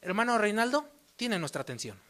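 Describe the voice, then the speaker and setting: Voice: medium pitch, very animated, a little fast, a bit bright. A chairman leading a congregation meeting who formally announces songs and speakers.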